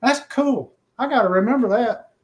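A man's voice: extremely high pitch, normal speed, poor audio. A man hosting a casual cooking livestream, talking easily while he cooks. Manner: easygoing, talks while cooking. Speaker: cooking show host.

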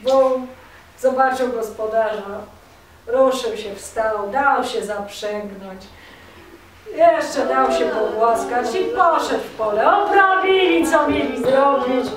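Gawędziarka z wysokim głosem, opowiada baśnie na żywo, mocny pogłos, publiczność w tle. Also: female voice, high-pitched, slow, crowd noise. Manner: lively, chatty, addressing the audience. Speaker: storyteller. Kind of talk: live performative folk storytelling. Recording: echoey room from a distance with audience.

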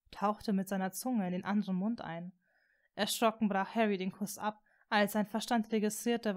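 A woman reading a fan fiction story aloud as an audiobook, in a calm, steady way. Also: medium pitch. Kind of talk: audiobook narration.

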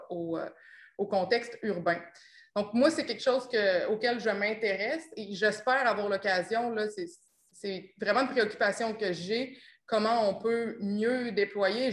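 A woman's voice: mid-range voice, roomy sound. A woman researcher from Quebec with a Québécois accent, presenting a seminar over a video call, with many fillers and restarts. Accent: Québécois French. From Quebec, Chaudière-Appalaches region. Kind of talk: academic talk and Q&A on a video call.

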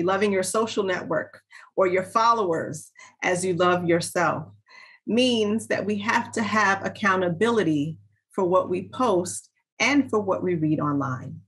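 A woman's voice: fairly low pitch, fairly bright tone, slightly rough. A woman pastor in her forties preaching a sermon to a webcam from a small room, earnest and conversational, asking her listeners questions. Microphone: webcam on a video call.

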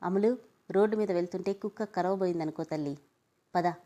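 A woman's voice: on the low side, brisk, natural voice. Woman voicing a stern older father who commands. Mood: gentle. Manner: sharp, commanding rebukes.

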